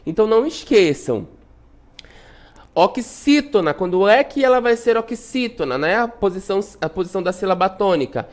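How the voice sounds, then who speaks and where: In a recorded lesson, a female teacher with a Brazilian Portuguese accent explains things patiently and keeps checking in with her students. Her medium-pitched voice is animated, and she sometimes draws syllables out slowly to demonstrate stress.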